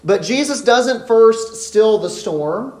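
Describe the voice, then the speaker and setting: Earnest high-voiced male preacher, echoey. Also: animated, slow pace, darkish tone. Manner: earnest, emphatic, rises sharply when voicing the disciples. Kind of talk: expository sermon.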